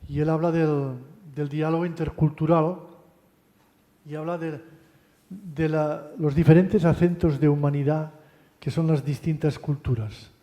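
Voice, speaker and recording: A man giving a university lecture in a relaxed, conversational way, often adding tag questions and restarting phrases. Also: fairly high pitch, a little slow. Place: lecture hall. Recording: long hall reverb.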